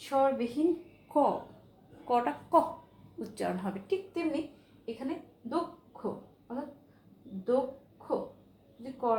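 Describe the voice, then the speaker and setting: A woman's voice: high-pitched, warm tone. Woman teaching pronunciation in an echoey room. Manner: patient, repeats example words slowly. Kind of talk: pronunciation lesson. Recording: echoey room with faint ambient noise.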